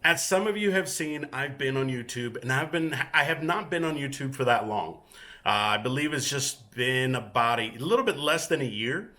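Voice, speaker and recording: Giving a casual self-introduction and tour of the collection room in his home, this featured guest collector from Mexico, whose first language is Spanish, speaks in a bright, animated, mid-range voice. He's relaxed and chatty, pausing often with fillers, and there's slight background noise.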